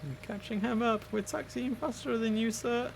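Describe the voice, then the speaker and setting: An extremely high-pitched, creaky male voice belongs to a young man chatting enthusiastically at normal speed while live-streaming a game from his computer indoors. A little hiss or hum runs under it.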